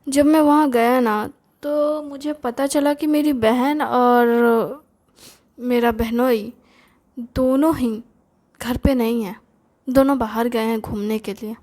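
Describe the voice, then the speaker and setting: Woman storyteller, high voice, unhurried, chatty first-person telling with lots of fillers. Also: fairly even intonation, darkish tone. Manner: chatty, confiding, with many fillers.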